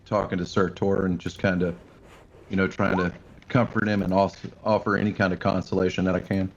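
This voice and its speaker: Player, man, low and gravelly, matter-of-fact about rolls, lo-fi dull mic. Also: flat delivery, brisk, slight background noise. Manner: declares character actions and rolls plainly. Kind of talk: tabletop game play. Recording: dull lo-fi audio.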